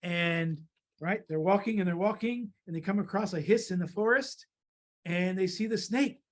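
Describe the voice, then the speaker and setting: A woman reading a children's story aloud and drawing along, lively and laughing, jumping into small character voices. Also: mid-range voice, normal speed. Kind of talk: storytime read-aloud for kids.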